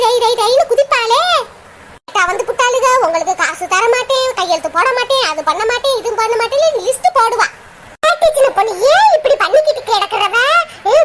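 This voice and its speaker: A performer voicing a fretful middle-aged village mother with a Kanyakumari Tamil accent, scolding and wailing by turns. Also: very high-pitched. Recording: loud clicks and background noise.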